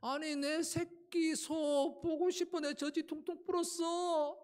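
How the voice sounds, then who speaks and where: A man voicing a grieving mother cow crying out for her lost calf in a high, wailing voice. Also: level tone, slow, darkish tone.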